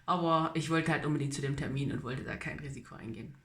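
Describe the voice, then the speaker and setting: Medium-pitched voice, braces in the mouth, casual video diary, vlogger, echoey room. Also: fast, a bit bright. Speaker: vlogger giving a personal treatment update. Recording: roomy, echoing home recording.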